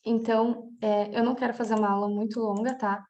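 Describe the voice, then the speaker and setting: A woman with a Brazilian Portuguese accent coaches a class in a fairly high, steady, darkish voice, talking a little fast on a muffled recording. She walks through examples casually, often tossing in "tá?" to check in.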